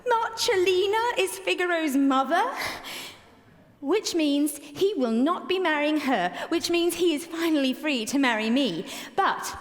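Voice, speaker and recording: A woman's voice: high voice, animated, unhurried. A woman narrating as Susanna in a staged concert, playful and comic, with asides to the audience. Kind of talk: theatrical first-person narration as Susanna. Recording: concert hall with long reverb.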